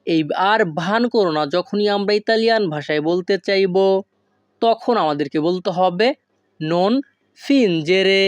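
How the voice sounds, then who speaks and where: A language teacher gives an instructional lesson at a very unhurried pace. Each foreign word is spelled out separately and deliberately. The recording is dry, with no room echo. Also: medium pitch, smooth. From Bengali-speaking. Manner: slow and deliberate, spells out foreign words piece by piece.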